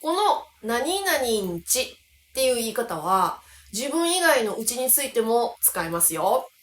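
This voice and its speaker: A woman from the Kansai region of Japan, a language teacher giving an explanatory lesson and slowing down to stress key words. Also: fairly high pitch, big pitch swings, a little hiss or hum. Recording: roomy echo.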